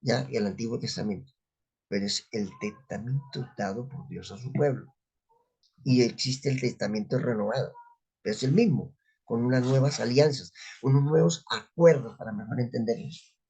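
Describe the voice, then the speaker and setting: A man's voice: medium pitch, moderate pace, dark tone, breathy edge. A man giving an unscripted Bible teaching, asking rhetorical questions and answering them himself. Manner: spoken, unscripted, with restarts. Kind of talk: religious teaching talk.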